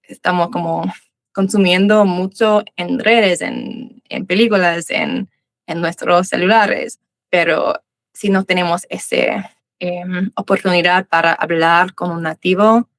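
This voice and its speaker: Speaking slowly in a lowish voice with fairly even intonation and no room sound, a young Australian woman takes part as a guest in a casual interview. She's an English teacher whose native language is English, and her Spanish is a learner's, with Uruguayan voseo, frequent restarts and fillers.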